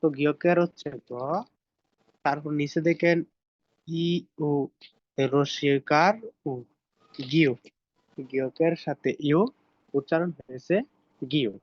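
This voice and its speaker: A man's voice: fairly high pitch, fairly even intonation, slow pace, pauses often, no echo, muffled recording. A man teaching a language lesson, patiently drilling pronunciation over slides. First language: Bengali.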